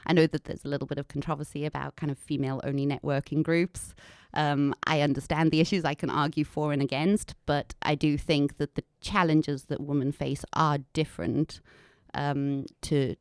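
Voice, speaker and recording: A woman's voice: sits low, flat delivery, normal speed, a little mellow, clean tone, dry recording, clean studio sound. A woman in her thirties with an anglicized South African accent, telling her story candidly as an interview guest. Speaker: podcast guest, environmental consultant and business owner. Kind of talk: conversational interview, personal story.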